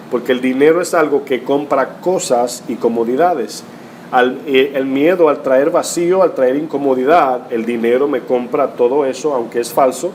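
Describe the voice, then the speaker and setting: Here a pastor with a mid-range, darkish voice gives a sermon, reading from scripture and asking rhetorical questions in a teaching manner. "¿Verdad?" recurs often, and faint background noise is present.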